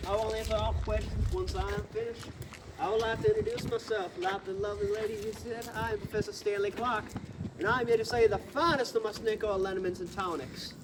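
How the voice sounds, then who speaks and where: A man playing a pompous, scaremongering Old West snake oil salesman, giving a theatrical pitch to a tour group outdoors. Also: fairly even intonation, fast talker, lightly acted. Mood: boastful. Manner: grandiose huckster patter. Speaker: ghost tour street performer. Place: outdoors on a street. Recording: noisy outdoor street, distant microphone.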